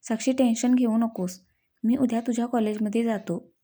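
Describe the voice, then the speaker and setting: A woman's voice: a little high, steady tone, normal speed, mellow, lightly acted. A woman voicing a grumbling but fond older brother in a read-aloud story. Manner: gruff, scolding.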